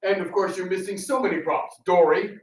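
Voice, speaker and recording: Speaking in a high voice and a little fast, a man who performs radio theatre tells rambling anecdotes during a casual public talk. The indoor talk room comes through on a roomy, distant mic along with background noise.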